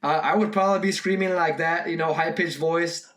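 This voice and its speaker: Man, young, higher pitch, casual reaction talk, rambling with fillers. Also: steady tone, fairly quick, fairly bright tone. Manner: rambling, lots of fillers and restarts. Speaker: video reactor.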